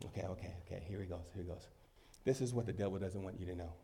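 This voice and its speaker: A man preaching a sermon to his congregation as pastor while he has a cold. He swings between loud emphasis and quiet asides and laughs easily. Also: deep voice, rapid-fire, vocal fry, breathy edge. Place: church in front of a congregation.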